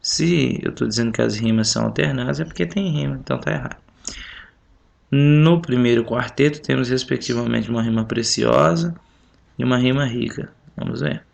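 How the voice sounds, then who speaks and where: A man's voice: mid-range voice, normal speed. A male teacher with a Brazilian Portuguese accent going over a literature test step by step in a recorded home lesson, counting out syllables aloud. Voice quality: gravelly.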